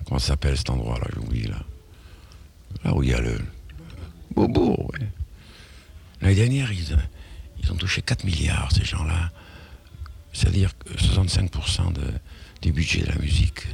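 A man's voice: extremely low pitch, vocal fry, slight background noise. A man being interviewed as a musician, talking in a rambling, indignant way with many restarts and asides.

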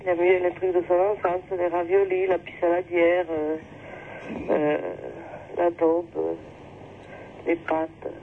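A woman's voice: fairly low pitch, little pitch movement, takes it slowly, long pauses. A woman speaking matter-of-factly in a recorded testimony, listing things plainly about her husband. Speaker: interviewee's wife. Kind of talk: recorded testimony inserted into radio show. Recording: tinny phone-like line, distant, faint hiss.

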